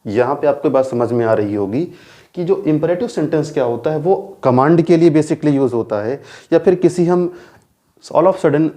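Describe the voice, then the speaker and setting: A man with an Indian accent teaching a grammar lesson. He keeps posing rhetorical questions, answers them himself, and repeats key terms slowly. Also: a little high, expressive, dark tone. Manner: mixes English terms into explanations. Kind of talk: classroom grammar lecture.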